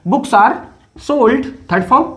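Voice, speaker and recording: A man's voice: very high voice, lively intonation, moderate pace, bright, forceful tone. A male teacher giving a classroom-style grammar lesson, explaining step by step and often asking questions to check understanding. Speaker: English teacher.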